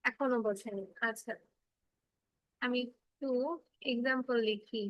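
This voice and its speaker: Casting: high-voiced woman teacher, patient, keeps checking the kids follow. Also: fairly even intonation, measured pace, no room sound, dull audio. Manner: patient, repeats and checks understanding. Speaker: English teacher. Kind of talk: online kids' class, explaining phonics.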